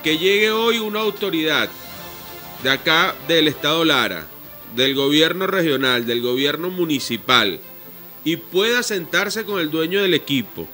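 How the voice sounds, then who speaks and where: Bright Venezuelan man, explanatory. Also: on the high side, lively intonation, a little slow, soft background music. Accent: Venezuelan Spanish. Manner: explanatory, addresses host formally. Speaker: radio show panelist. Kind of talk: debate commentary.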